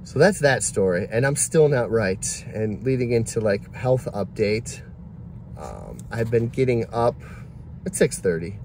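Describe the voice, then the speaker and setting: A man's voice: mid-range voice, big pitch swings, measured pace, a little mellow, a little hiss or hum. A man in his forties talking candidly to a phone camera from inside his car, reflective and rambling. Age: 40s. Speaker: delivery driver vlogger. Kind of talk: casual reflective vlog talk. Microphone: phone camera at arm's length.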